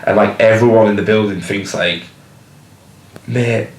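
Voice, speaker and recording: A man's voice: lowish voice, fairly even intonation, fairly quick, reverberant. A man, a band member telling a story in a documentary interview with a teasing manner.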